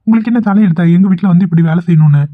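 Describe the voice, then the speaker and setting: A man's voice: high voice, very fast, no room sound, lightly acted. A man voicing an earnest, caring young husband in a cartoon. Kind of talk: cartoon voice acting. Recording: thin phone-like recording.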